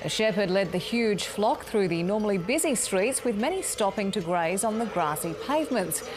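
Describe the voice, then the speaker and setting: A woman's voice: medium pitch, animated. Woman reading the news over music. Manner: crisp, measured newsreader delivery. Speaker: news presenter.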